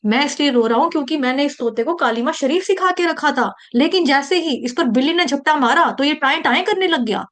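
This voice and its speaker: Lady doing a sad worried cleric guy, high voice, anguished. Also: fairly bright tone. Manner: anguished, pleading. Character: grieving male cleric fearing his own death.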